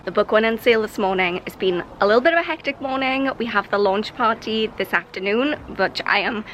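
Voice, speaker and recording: Chatty, excitable young woman vlogging. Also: on the high side, brisk, slight background noise. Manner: chatty and excitable, rambling with many "like"s. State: tired. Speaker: vlogger and author. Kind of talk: casual vlog chat to camera.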